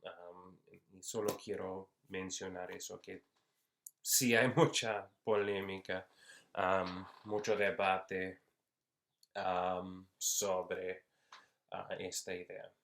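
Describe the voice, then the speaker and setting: A man giving an unscripted university lecture, slow and hesitant with many fillers. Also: sits low, flat delivery, creaky, fairly bright tone, slight background noise. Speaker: university Spanish instructor.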